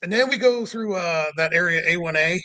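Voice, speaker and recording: Bright high-voiced man telling a road story. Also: fairly quick. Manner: rambling, heavy use of "like"; acts out quoted dialogue. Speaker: podcast guest. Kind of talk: casual storytelling.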